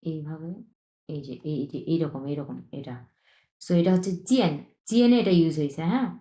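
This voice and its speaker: A woman with a fairly low voice gives a patient online lesson, going over each step again and again and often pausing to check that the learner follows. She is ill with a cough, and the room around her has a noticeable echo. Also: very animated, warm tone. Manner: patient, repetitive, checks in with frequent tag questions. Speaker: Chinese language teacher. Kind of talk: online lesson, explaining stroke by stroke.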